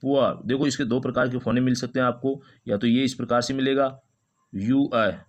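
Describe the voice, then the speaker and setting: A man teaching an English phonetics lesson, repeating each word slowly several times. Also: mid-range voice, steady tone, highs cut off.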